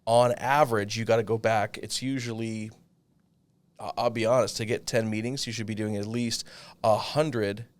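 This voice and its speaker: A man's voice: on the low side, fairly even intonation, normal speed, no echo. A man hosting a casual podcast, a real estate broker who talks bluntly, swears freely and acts out the people in his stories. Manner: blunt, swears casually, tells stories acting out the other voices.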